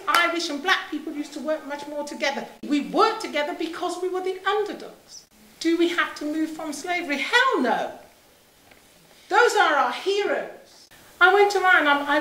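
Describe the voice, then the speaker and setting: A woman's voice: high voice, sharp tone. A middle-aged woman from Saint Kitts who moved to England as a child, giving an impassioned public talk in an emphatic, rhetorical manner with repetition and pointed questions. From Saint Kitts in the Caribbean, moved to England aged seven. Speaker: public speaker. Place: indoor room, speaking to an audience. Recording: roomy, echoing live talk.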